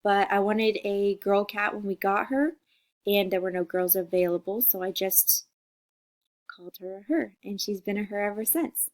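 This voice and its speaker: A woman's voice: mid-range voice, steady tone, moderate pace. A woman in her forties from Costa Rica, a teacher talking students through a class introduction video in a friendly, chatty way. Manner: friendly, chatty, checks in with "okay?".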